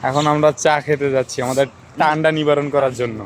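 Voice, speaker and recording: A hoarse man talking casually to his viewers in a travel vlog, outdoors by a lake. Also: on the high side, steady tone, quick pace, background noise. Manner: chatty, addresses viewers. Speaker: vlogger.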